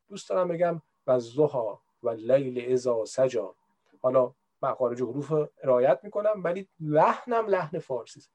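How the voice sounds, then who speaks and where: A man's voice: a little high, a little mellow. A man in casual, reflective explanatory talk, conversational and full of everyday examples. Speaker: speaker on religious practice.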